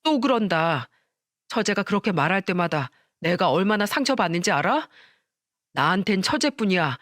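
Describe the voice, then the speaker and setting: A woman's voice: medium pitch, sing-song, moderate pace, no echo, studio quality, lightly acted. A woman voicing a cheating husband, a male teacher, who talks in a coaxing, placating way.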